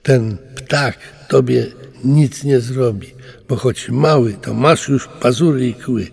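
Mężczyzna czytający bajkę podkłada głos surowemu, pouczającemu duchowi wulkanu, mówiąc głośno. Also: male voice, medium pitch, slow, creaky, slightly rough, big-room sound, full character voice. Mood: scolding. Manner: loud, lecturing. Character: booming male volcano spirit, stern and preachy. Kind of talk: storybook reading.

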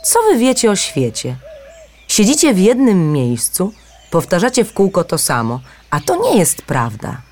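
A woman's voice: lowish voice, wildly swooping pitch, normal speed, a little mellow, pitched above the performer's own voice. A woman voicing a proud, touchy male bird of paradise in a storybook reading, talking indignantly and earnestly.

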